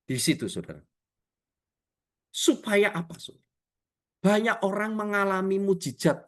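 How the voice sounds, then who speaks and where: Male evangelist, middle-aged; emotive sermon over video call, pitch leaps from hush to near shout. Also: very animated, normal speed. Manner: swings widely in pitch and loudness, rising to near shouts and dropping to hushed asides; acts out prayers and quoted dialogue, addresses listeners as "Saudara". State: tearful when recalling prayer. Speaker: evangelist preacher.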